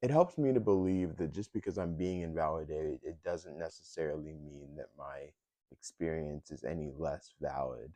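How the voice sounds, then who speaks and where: Hesitant deep-voiced young man, dry sound. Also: normal speed, dark tone, no room sound. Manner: hesitant, many fillers and restarts. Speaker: vlogger. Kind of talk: casual personal vlog.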